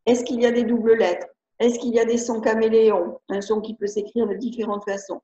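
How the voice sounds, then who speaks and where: A woman's voice: a little high, flat delivery, a little fast, warm tone. Hesitant French woman on a video call. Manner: hesitant, many restarts and fillers, chatty. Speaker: educator hosting a webinar. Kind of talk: live video-conference talk, reading viewer questions. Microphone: computer mic on video call. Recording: muffled roomy video-call audio.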